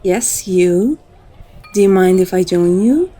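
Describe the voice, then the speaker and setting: Here a woman plays a commanding vampire whose dark voice sits on the low side, slow and slightly rough. The performance is heavily acted, leisurely and relaxed, full of teasing flirtation and tender pet names meant to draw the listener in, much like an ASMR roleplay.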